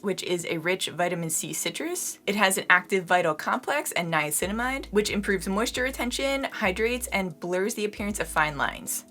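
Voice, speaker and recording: Slightly hoarse, chatty woman beauty vlogger. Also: medium pitch, a bit bright, a little hiss or hum. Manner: chatty, addresses viewers as "you guys", frequent "like" fillers. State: slightly hoarse, losing her voice. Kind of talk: casual product review and demo.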